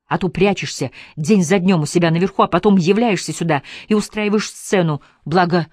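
A reader voicing a weary defensive young wife. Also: female voice, fairly low pitch, brisk, darkish tone, no room sound, close to an everyday voice. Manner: defensive, pleading. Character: tired young wife, defensive, near tears.

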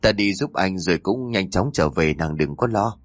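A man's voice: sits low, lively intonation, moderate pace, no echo, voice pushed down. A man voicing an honest, trusting young husband who speaks plainly and earnestly in a spoken story.

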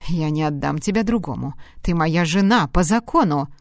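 A woman voicing a brash, boastful male dragon in human form in an audiobook, speaking in a lowered, smug voice. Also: animated, normal speed, no echo, clean studio sound. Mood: possessive.

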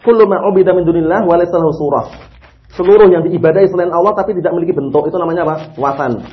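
Male religious teacher, fairly high voice, quizzes his class, dull lo-fi recording. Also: rapid-fire. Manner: lively, asks rhetorical questions and answers them himself. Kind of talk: explaining a religious text to a class.

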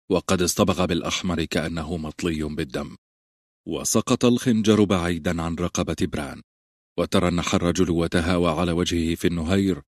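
A man reading a novel aloud as an audiobook narrator, with steady storytelling. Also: sits low, dry recording, clean studio sound. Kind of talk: scripted narration.

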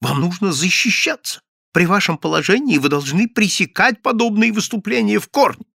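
A man's voice: high-pitched, expressive, normal speed, creaky, fairly bright tone, husky, no room sound, studio quality, pitched above the performer's own voice, exaggerated voice. A man voicing an anxious middle-aged clerk who pleads and urges in an agitated way.

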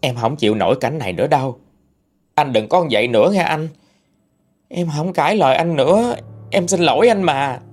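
A man's voice: a little high, animated, fairly quick, long pauses, darkish tone, faint music behind. A man voicing a devoted, submissive young woman who pleads and clings to her boyfriend. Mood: pleading.

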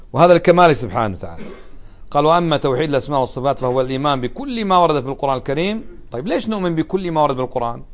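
A middle-aged man teaches a religious text. His voice sits fairly high for a man. He talks in an animated way, asking his listeners short questions and answering them himself. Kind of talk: lecture explaining a religious text.

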